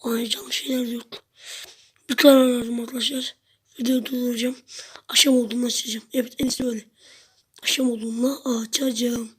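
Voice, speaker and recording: Brief: woman gameplay host, high and even-toned, chatty self-talk with sudden shouts, faint hiss and clicks behind. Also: fairly quick, pauses often, slightly rough. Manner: chatty, talks to herself and viewers, sudden loud outbursts. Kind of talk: casual gameplay commentary.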